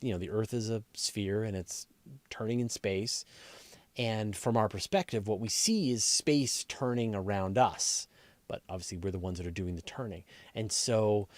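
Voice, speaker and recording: A man with a lowish, darkish voice and no room sound hosts a live astronomy Q&A as a science journalist. Reading questions aloud, he answers spontaneously in a conversational way, thinking aloud and rephrasing as he goes.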